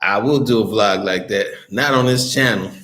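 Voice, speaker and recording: A man's voice: on the low side, normal speed. An American man chatting casually on a live stream, reading viewer comments and answering them bluntly, with lots of swearing and many restarts. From United States. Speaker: vlogger reading live chat. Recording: roomy echoey recording.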